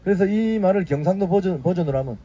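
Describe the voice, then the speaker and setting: A man's voice: sits high, expressive, fast talker, dark tone, dull audio. A man in his fifties hosting a casual news briefing, prodding his viewers with short tag questions. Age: 50s. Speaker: YouTube news briefing host. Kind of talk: casual spoken commentary.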